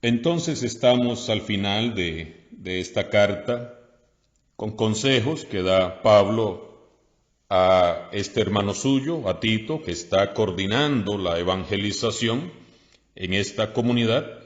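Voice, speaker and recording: Slow-reading priest in a reverberant church. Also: male voice, lowish voice, lively intonation. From Costa Rica. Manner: slow, measured reading aloud. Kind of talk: liturgical reading and homily. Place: parish church. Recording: dull lo-fi audio with long church reverb.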